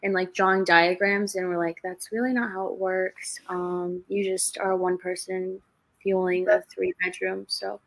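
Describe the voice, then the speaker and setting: A woman's voice: on the low side, little pitch movement, unhurried, creaky, a bit bright. A woman in her twenties, a guest on a livestreamed interview, telling her stories in a chatty, easygoing way. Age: 20s. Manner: chatty storyteller, laughs between stories. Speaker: guest, real estate investor. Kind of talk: casual interview over a livestream.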